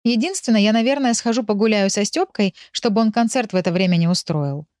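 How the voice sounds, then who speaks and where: Woman putting on a fretful young mother, higher. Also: expressive, fairly quick, darkish tone, dry recording, clean studio sound, natural voice. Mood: worried. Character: young worried mother, talkative and indignant.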